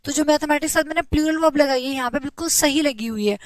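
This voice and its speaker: A young woman teaching an English grammar class online, explaining patiently, checking in with her students and dictating example sentences slowly. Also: high-pitched, no room sound, rough recording.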